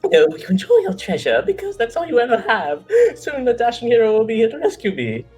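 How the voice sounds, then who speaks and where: A woman voicing a haughty, mean princess in a video game, with a regal, imperious, drawn-out delivery. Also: a little high, wildly swooping pitch, a little mellow, slightly rough, soft background music, full character voice. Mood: mocking, haughty. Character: haughty, mean, beautiful human princess, spiteful and taunting. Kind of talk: game character voice-over, playful live read.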